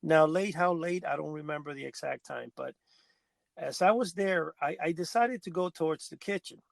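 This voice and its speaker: Man from Cuba, gravelly voice, rambling self-correcting storyteller, podcast co-host. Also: fairly high pitch, moderate pace, no room sound. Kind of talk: casual storytelling chat.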